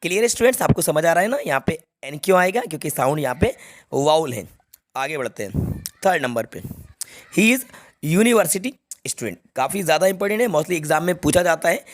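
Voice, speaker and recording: A man's voice: on the high side, animated, fast talker. A young man teaching an English grammar lesson to students, explaining step by step and checking that they follow. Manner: explains step by step, repeats key points, checks students understand.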